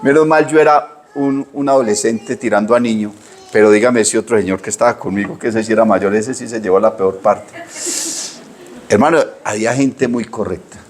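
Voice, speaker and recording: Male pastor, middle-aged; lively sermon delivery with sudden high jumps when quoting. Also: moderate pace. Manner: lively storytelling preacher, pitch leaps when quoting people.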